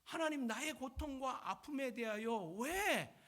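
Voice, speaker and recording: A man's voice: very animated, moderate pace, breathy edge, exaggerated voice. A man acting an aggrieved, pleading sufferer. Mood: plaintive. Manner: plaintive, indignant, swinging pitch.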